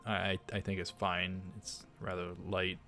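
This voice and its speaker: Reading a visual novel for a let's play, this man speaks low with a flat delivery and a sharp tone at a moderate pace. He adds casual asides that wander and hesitate, while faint visual novel music plays.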